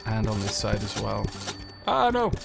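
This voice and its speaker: A let's play host with a slight cold talks in a lowish, gravelly voice full of huge pitch swings, at a moderate pace. He gives casual gameplay commentary, chatting playfully to himself and to the game's tenants as he plays, with game music in the background.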